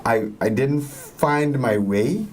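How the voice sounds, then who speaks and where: A man talks through his career in an interview. He is earnest and motivational and pauses to gather his words. A faint background noise runs under his voice. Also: medium pitch, darkish tone. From Bahamas. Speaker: interview guest, music producer. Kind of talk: reflective interview talk.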